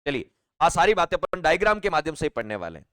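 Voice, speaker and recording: A man's voice: a little high, big pitch swings, fast talker, fairly bright tone, dry recording, clean studio sound. A male teacher giving a live online exam-prep class, chatty and repetitive, often asking his students questions. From Rajasthan, India.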